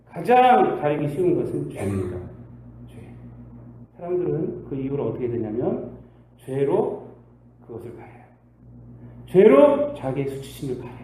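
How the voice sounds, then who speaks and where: A male pastor delivers a sermon in a warm, mellow voice that rises and falls in lively swoops. He keeps posing rhetorical questions, jumping from loud bursts to hushed asides. The recording carries the echo of a church sanctuary with a faint hiss. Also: on the high side.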